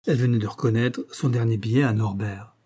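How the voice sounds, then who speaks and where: A man reading a classic novel aloud in a measured, literary way. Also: medium pitch, dark tone, slightly rough. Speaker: audiobook narrator.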